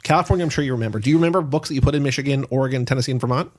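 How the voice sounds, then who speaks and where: A man's voice: mid-range voice, rapid-fire. A man co-hosting a podcast, casually chatting and leading with questions. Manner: inquisitive, leads with questions. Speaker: podcast co-host. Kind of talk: casual chat.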